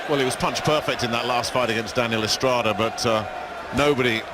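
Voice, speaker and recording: A man's voice: mid-range voice, fairly even intonation, a little fast. A man giving live boxing commentary. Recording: live arena broadcast, very loud crowd noise.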